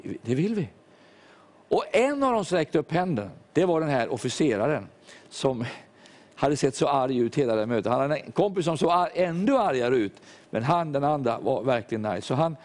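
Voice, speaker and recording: A man's voice: fairly high pitch, a little mellow. Older man preaching a sermon. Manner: storytelling, acts out quoted voices. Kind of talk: sermon testimony.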